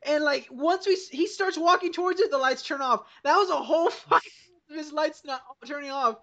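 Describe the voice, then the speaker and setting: A woman's voice: high-pitched, a little fast, a bit bright. A young adult woman hosting a casual podcast over a voice call, telling a rambling, profane story with lots of laughter. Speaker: podcast host. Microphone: voice call headset or computer mic. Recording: dull lo-fi voice call.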